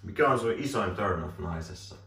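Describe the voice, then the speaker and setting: Low-voiced young man hosting, roomy distant audio. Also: expressive, fairly bright tone. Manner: laughs often, reads questions off a phone. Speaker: host asking questions. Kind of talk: casual joking interview. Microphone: camera mic from a distance. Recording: roomy distant camera audio, faint hiss.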